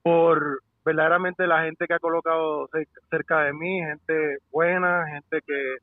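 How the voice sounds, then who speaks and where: A man calling in by phone to a podcast, chatting casually and speaking in an animated, grateful way. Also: fairly high pitch, unhurried, no room sound. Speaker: phone-in guest. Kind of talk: casual chat over the phone. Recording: tinny phone line.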